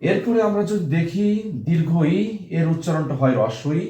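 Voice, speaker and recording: A man's voice: a little high, animated, moderate pace, mellow, roomy sound. A male teacher giving a lesson to students, explaining step by step and saying example words aloud several times. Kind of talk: classroom lesson on pronunciation.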